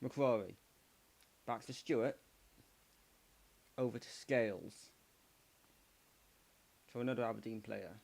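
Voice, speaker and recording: A man giving casual live play-by-play as a fan streamer, slightly croaky, cheering his side and scolding chat. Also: lowish voice, takes it slowly, pauses often, a little mellow. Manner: partisan, addresses chat as "mate" and "pal", urges his team on. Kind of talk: casual live match commentary.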